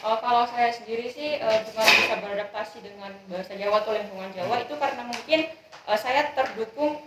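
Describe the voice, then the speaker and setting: A woman's voice: on the high side, fast, very noisy. A young woman, a student guest, talking casually and hesitantly with frequent fillers. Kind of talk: casual discussion. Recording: echoey room, distant mic.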